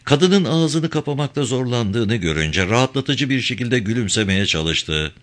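A man reading a crime novel aloud as the narrator, in an expressive storytelling manner. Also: mid-range voice, unhurried. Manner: expressive reading with voiced dialogue. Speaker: audiobook narrator. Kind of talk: scripted narration.

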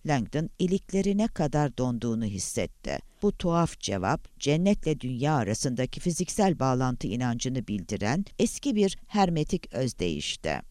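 A man narrating a thriller audiobook with a very animated, sweeping pitch and dramatic emphasis. He sounds dry and close to the microphone, with no room echo. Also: moderate pace, few pauses.

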